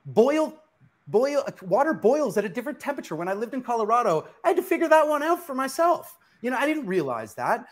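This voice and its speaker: A man's voice: very high voice, very animated, a little fast. A middle-aged male chef giving a live cooking demonstration in a home kitchen studio, talking emphatically and answering his own questions.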